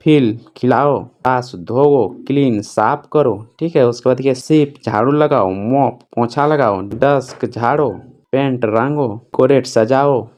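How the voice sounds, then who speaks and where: A man teaching English words, reading each one out with its Hindi meaning in a brisk, repetitive way, filling pauses with "thik hai". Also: mid-range voice, darkish tone.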